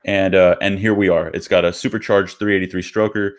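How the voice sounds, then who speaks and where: Man, very deep voice, podcast co-host, casual rambling storytelling, lots of fillers, video call. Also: a little fast. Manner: relaxed and rambling, with many fillers.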